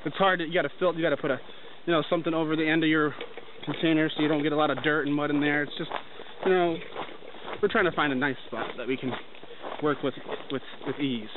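A young man vlogs on a forest hike, his voice on the high side with fairly even intonation and a quick pace. He talks while walking, loose and rambling, filming his trip outdoors. The handheld camera held at arm's length gives tinny, lo-fi audio with faint noise.

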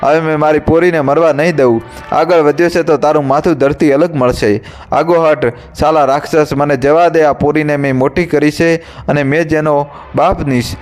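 A man's voice: fairly high pitch, steady tone, moderate pace, a little mellow, soft background music, lightly acted. A man reading the part of a desperate, fierce young village mother, pleading and raging. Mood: furious.

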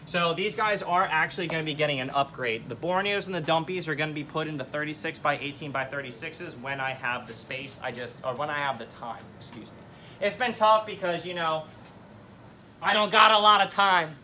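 A man's voice: on the high side, brisk, bright, forceful tone. A young man hosting a casual, enthusiastic tour, talking directly to viewers as he shows things around an indoor showroom. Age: young adult. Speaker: host giving a shop tour. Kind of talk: casual informal tour narration. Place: indoor showroom full of terrariums. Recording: clear background noise, terrarium room ambience.

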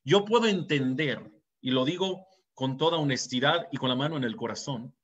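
A man's voice: medium pitch, normal speed, breathy edge. A young adult man with a Mexican Spanish accent, a rabbi giving an earnest sermon and telling stories. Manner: earnest and storytelling, with dramatic raised quotes. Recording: dull lo-fi recording.

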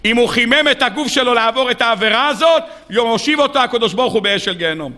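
High, bright-voiced rabbi giving a sermon. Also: male voice. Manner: animated storytelling with rhetorical questions.

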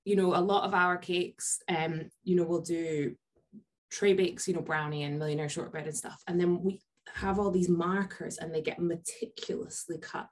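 Speaking at an ordinary pace and even tone, this low-voiced Scottish woman in her 30s co-hosts a podcast and comes from a family bakery. Her casual video call talk wanders through stories, thick with ums and fillers. She's picked up by a webcam in an indoor office decorated with posters.

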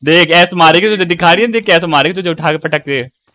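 A young male streamer with a high, bright voice calls out over a battle game with his friends. He gets excitable, shouts and says the same phrase over and over. His voice comes through a close headset mic. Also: quick pace, no room sound. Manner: excitable, shouting and repeating himself. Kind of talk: live gameplay chatter with friends.

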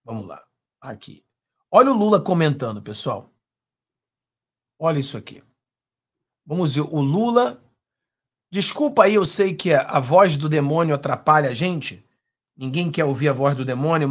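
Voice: medium pitch, lively intonation, normal speed, pauses often, breathy edge. A host with a Brazilian Portuguese accent reacting to a clip, mocking and sarcastic, ranting with swearing. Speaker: political commentary host. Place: in the United States.

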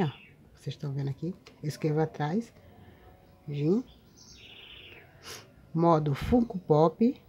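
A Brazilian woman with a lowish, mellow voice chats to her viewers, often checking in with little tag questions. She is recorded outdoors, and a faint ambience sits behind her. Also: a little hiss or hum. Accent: Brazilian Portuguese. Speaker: paper craft video maker. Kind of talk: casual show-and-tell vlog. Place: outdoors in a windy spot.

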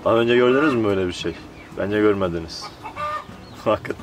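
A man's voice: lowish voice, normal speed, very noisy. A man vlogging from his poultry coop, chatting playfully to the camera and coaxing the bird he holds. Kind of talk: casual chat to camera. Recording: clucking birds loud behind. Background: chickens and quails clucking.

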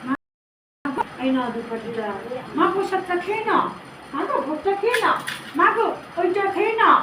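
Brief: woman as the goddess in trance, very high shrill voice, scolding devotees, echoey room, distant mic. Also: big pitch swings, moderate pace, background noise. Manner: scolding, commanding, addresses listeners as child. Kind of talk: trance-like divine address.

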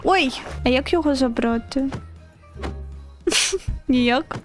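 A woman's voice: high voice, slow pace, soft background music. A young woman streaming a game, chatting casually and squealing and laughing when she gets scared. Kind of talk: casual gaming commentary.

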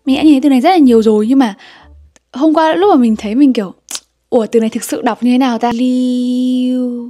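A young Vietnamese woman chats to her vlog viewers about study tips, joking at her own expense and sounding out words as she practises. Her voice is a little high, mellow and racing, with no room sound.

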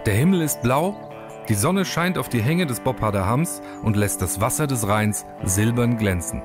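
A man reading a storybook narration with a mid-pitched voice that rises and falls a great deal. Soft music plays faintly behind him. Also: normal speed. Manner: expressive, animated.

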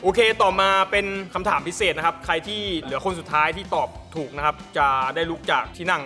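A man's voice: fairly high pitch, a little fast, bright, forceful tone, faint music behind. A man hosting and refereeing a quiz game, making casual but polite announcements and reading out questions. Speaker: game show host and referee.

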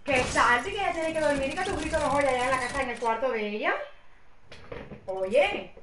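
A woman with a high voice scolds her son sternly, repeating the same warnings firmly. She is recorded from across a noisy, echoey room at home. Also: expressive, a little fast. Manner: firm, stern and repetitive.

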